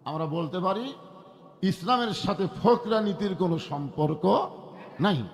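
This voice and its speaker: Male preacher, high-pitched, leads crowd chants, long PA echo, outdoor waz gathering. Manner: calls for crowd responses, chanting slogans; rises to loud drawn-out chanted peaks. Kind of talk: Islamic waz sermon to a crowd.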